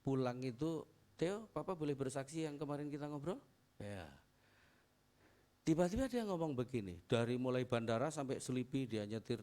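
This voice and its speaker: A man's voice: mid-range voice, warm tone. A middle-aged man preaching a chatty, anecdotal sermon as pastor, repeating phrases and calling for amens. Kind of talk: conversational sermon.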